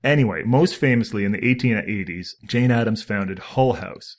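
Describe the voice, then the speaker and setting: A man's voice: on the low side, moderate pace. A man co-hosting a podcast, talking enthusiastically and digressively about history. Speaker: podcast co-host. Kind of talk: casual podcast chat.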